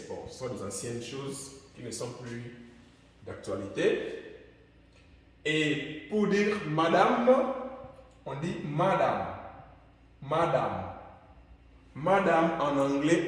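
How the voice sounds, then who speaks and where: A man's voice: mid-range voice, animated, slow pace, long pauses. A man with a Central African French accent teaching English in a classroom, calling out example phrases with emphasis. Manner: drills English words with raised, emphatic calls. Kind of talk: classroom lesson. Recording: echoey room, far from mic.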